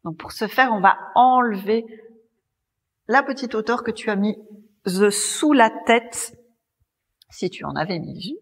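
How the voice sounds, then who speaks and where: Calm breathy woman guiding a yoga class. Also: fairly high pitch, measured pace, long pauses, long reverb tail. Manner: calm, gently guiding, cueing breath and movement. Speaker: yoga teacher. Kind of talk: guided yoga class instruction. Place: yoga studio.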